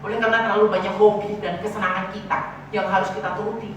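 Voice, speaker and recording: A woman preacher giving a lively sermon, teasing and calling out to her congregation. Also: medium pitch, fast, slight background noise. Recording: echoey church hall from far off.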